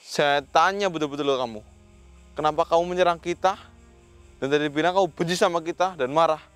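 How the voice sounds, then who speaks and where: A man's voice: a little high, fairly quick, fairly bright tone, clean tone, faint music behind. A man hosting a ghost-hunting vlog who sternly questions an unseen spirit and recites Islamic prayers between his questions. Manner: commanding, confronting an unseen spirit. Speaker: paranormal investigator host.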